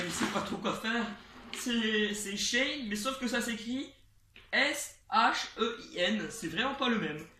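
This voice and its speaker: A wrestling commentator calling a video game match play-by-play, excitable and rambling, repeating names and shouting at the big moves. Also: medium pitch. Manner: rambling asides, repeats names, frequent restarts. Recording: roomy, noisy, distant home mic.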